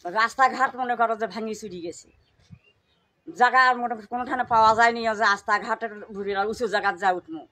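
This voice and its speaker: A woman's voice: on the high side, fast talker, sharp tone. An older woman with a rural northern Bangladeshi accent from Gaibandha, giving plain, repetitive, unscripted testimony as a villager. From Gaibandha district, northern Bangladesh. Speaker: villager interviewed about floods.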